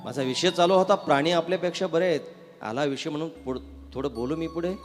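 A man preaching a devotional sermon to a live audience, lively and coaxing listeners to answer back. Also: on the high side, a little fast. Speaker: katha preacher. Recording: reverberant hall with faint music.

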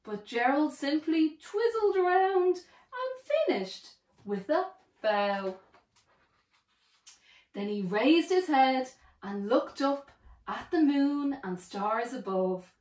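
A woman slowly reading a rhyming children's picture book aloud in an expressive, sing-song way. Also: fairly high pitch. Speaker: storybook reader. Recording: echoey room.

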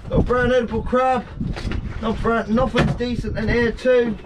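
High-voiced man on a windy boat. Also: flat delivery, measured pace. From Guernsey. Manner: chatty, counting the catch aloud to viewers. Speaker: fishing vlogger. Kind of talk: casual narration while working. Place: small open boat at sea, outdoors. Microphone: action camera on the boat. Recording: loud wind and engine noise. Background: wind, water and boat engine.

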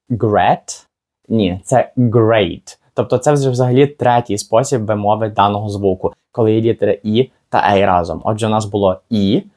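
A man giving a casual video lesson as an English teacher, asking the viewer questions and slowing down for example words. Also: lowish voice, dark tone. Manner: chatty, asks the viewer rhetorical questions, slows down for example words.

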